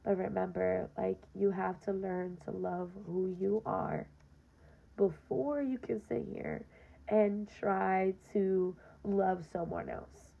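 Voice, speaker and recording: Speaking slowly in a very raspy, gravelly voice, a young podcast host addresses her audience in an earnest, direct, casual monologue, often saying "um" and "you know." Her pitch stays fairly flat, and the audio has a dull, lo-fi quality.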